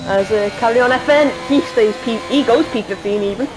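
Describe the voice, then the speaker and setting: A woman with a Liverpool accent doing live sim-racing commentary, halting with fillers and jumping up in excitement at crashes. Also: a little high, noisy background. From Liverpool, England.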